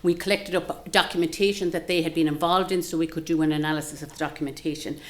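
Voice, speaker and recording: Female academic presenter, low voice, Galway accent from the west of Ireland, explaining research to listeners in a discursive style. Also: steady tone, fast.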